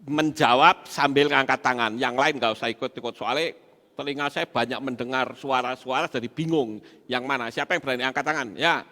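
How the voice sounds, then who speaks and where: A man preaching an animated sermon, laughing often and speaking straight to his congregation. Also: mid-range voice, fairly quick. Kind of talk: sermon with stories and audience questions. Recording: long hall reverb.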